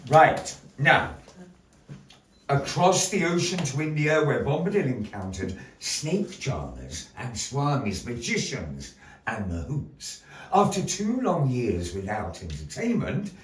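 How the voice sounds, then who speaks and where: A man with a medium-pitched, sing-song voice presents a puppet show slowly, in the style of a grandiose old-time showman telling theatrical stories to a live audience. The setting is a gallery performance. A distant microphone gives a roomy recording with background noise.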